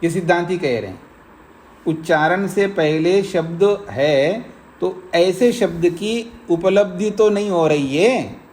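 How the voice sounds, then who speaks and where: A man with a high voice, teaching slowly and patiently. He reads Sanskrit sutras aloud and unpacks each line for his students in an ashram lecture. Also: a little mellow. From India. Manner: explains Sanskrit sutras line by line, slow and repetitive. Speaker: monk teaching Nyaya philosophy.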